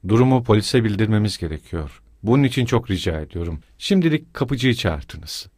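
A pompous, scheming middle-aged lawyer, played by a male reader, lecturing in a coldly polite, stiff tone. His delivery swings in pitch for emphasis. The sound is dry and close to the mic. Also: very animated, brisk, a little mellow, dry recording. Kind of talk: audiobook character voice.

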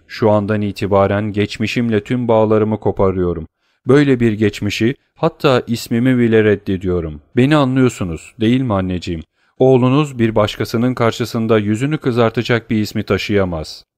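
A man's voice: on the low side, moderate pace, darkish tone, no room sound, clean studio sound, close to an everyday voice. A man voicing a proud young nobleman, speaking earnestly and with firm resolve. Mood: resolute.

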